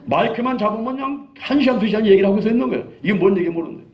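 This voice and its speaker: A fast-talking man in his sixties preaches a testimony, his pitch jumping lively up and down as he acts out the voices in his story. The sound is dull and lo-fi. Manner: animated storytelling, acting out quoted dialogue. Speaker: pastor. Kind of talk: sermon testimony.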